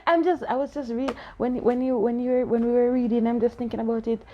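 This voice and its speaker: A woman with a slightly high voice speaks quickly in a steady tone, the audio dull with a little background noise. She's an aunt talking a child through a story they just read, questioning the child, laughing frequently and playfully pushing back on the replies.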